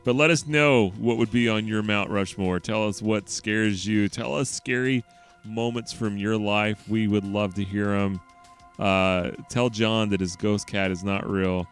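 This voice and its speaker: A man's voice: lowish voice, fairly even intonation, measured pace, clear, resonant tone, soft background music. Laid-back man hosting a podcast. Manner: laughs often, rambling and loose. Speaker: podcast host. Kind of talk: casual chat.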